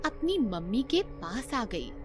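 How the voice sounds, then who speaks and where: A woman narrates a children's story in a high, very expressive voice. Her scripted delivery is dramatic and unhurried, with music playing clearly behind her.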